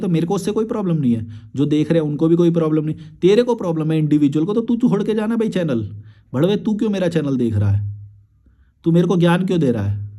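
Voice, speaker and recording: A man's voice: a little high, mellow. A young man, a YouTube creator, replying to viewer comments in a blunt, crude and combative rant with frequent swearing.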